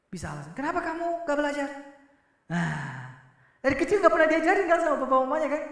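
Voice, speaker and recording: Bright-voiced preacher in echoey church. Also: male voice, sits high. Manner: animated, addresses congregation directly. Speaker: pastor. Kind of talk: sermon.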